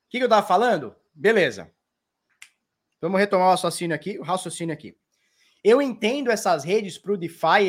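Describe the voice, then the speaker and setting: Brazilian guy in his 30s rambling about crypto, cussing, voice jumps all over. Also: high-pitched. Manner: swears freely, rambling and animated. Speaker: crypto commentator. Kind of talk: casual chat to viewers.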